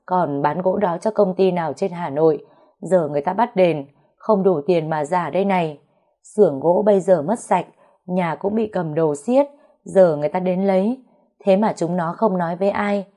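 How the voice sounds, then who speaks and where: A woman's voice: on the low side, normal speed, dark tone, natural voice. A woman voicing an older mother who is crying over her family's ruin. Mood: distraught.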